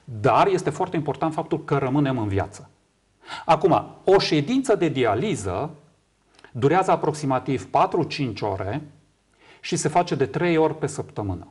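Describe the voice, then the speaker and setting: A man in his fifties from Romania speaks in a fairly high, very animated voice with a darkish tone and breathy edge. As a kidney patient advocate being interviewed in a small TV studio, he explains things emphatically and repeats words for agreement. A lapel mic captures him indoors.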